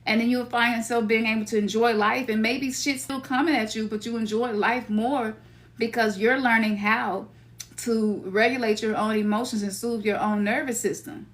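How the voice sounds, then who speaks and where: Speaking at normal speed in a steady tone, on the high side, a middle-aged woman from Memphis, Tennessee, delivers a casual spiritual talk to listeners. Her Memphis Southern accent colors her loose, slangy style, and at times she acts out her own inner voice.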